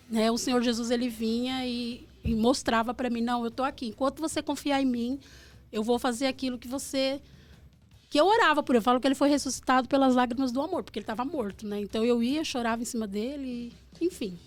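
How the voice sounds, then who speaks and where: Brazilian woman, radio guest; high, fast, earnest storyteller, studio mic. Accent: Brazilian Portuguese. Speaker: guest, author of a book. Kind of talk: personal testimony on radio.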